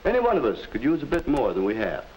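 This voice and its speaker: A man acting as a middle-aged schoolteacher in a 1950s educational film, speaking like a narrator of that era in a measured, didactic way. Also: mid-range voice, huge pitch swings, a little mellow, poor audio. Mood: patient, instructive. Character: kindly, instructive male schoolteacher in a 1950s film. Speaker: teacher advising a student. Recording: hissy old 1950s film soundtrack.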